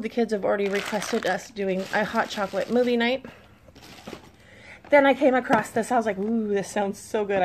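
A woman's voice: a little high, slight background noise. A woman in her thirties, a mom chatting casually to camera about her shopping haul, easygoing and reading labels aloud.

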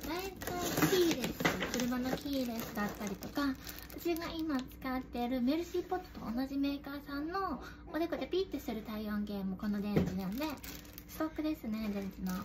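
A young adult woman with a cute, girlish, anime-style voice hosts an unboxing vlog from a room at home, chatting casually to camera. Her voice is high-pitched and a little fast. The room is noisy with rustling and clicks.

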